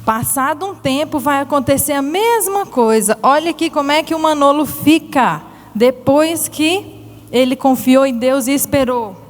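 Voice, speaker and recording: A woman telling a Bible story to children in a church, animated and asking them questions. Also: high voice, moderate pace, in a large hall. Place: church hall.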